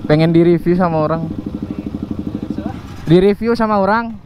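Young Sundanese-accented motovlogger, high voice, loose relaxed chatter outdoors, noisy helmet-cam sound. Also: male voice, normal speed, highs cut off. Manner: relaxed banter with friends, mixing slang. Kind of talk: casual chat. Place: outdoors at a hillside rest area. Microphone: cheap external mic on a helmet action camera. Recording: wind and engine noise outdoors.

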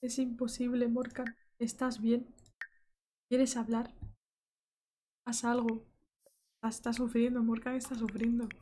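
On the high side and a little slow, this woman pauses often while streaming a life-sim game, chatting, greeting chat viewers, and reading game text aloud. She's excitable and shrieks when startled, and a slight hiss or hum runs underneath.

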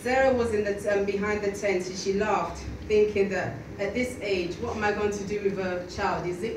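A young woman delivers a sermon in a plain, conversational way, stumbling through fillers and restarts. She speaks into a stand mic at a lectern in a small church hall. The sound is echoey and noisy, heard from far off. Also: medium pitch. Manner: conversational, halting with many fillers. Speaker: preacher. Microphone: stand mic at a lectern, filmed by a far camera.

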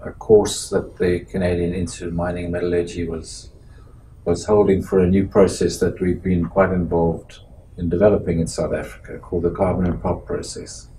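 An older man from Zimbabwe, sitting in an office for an oral history interview, speaking in a measured, halting way with many pauses and restarts. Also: low-pitched, flat delivery, noisy background. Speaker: interviewee, metallurgist. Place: small office meeting room indoors.

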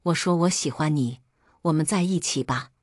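Brief: woman reading teasing young boyfriend in an audio story, smug and coaxing, low and dry. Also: normal speed, no room sound.

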